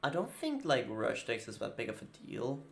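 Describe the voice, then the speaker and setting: With a mid-range, fairly bright voice that swoops wildly in pitch and shows vocal fry, a native Danish speaker with a Danish accent commentates live on his own card game. He speaks at a normal speed, thinking aloud casually and muttering asides.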